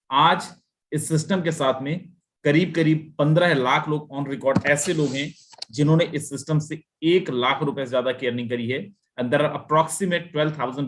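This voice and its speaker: A man presenting a live online webinar, delivering an emphatic, repetitive sales pitch and lifting his voice on every "my friend" to call out to the audience.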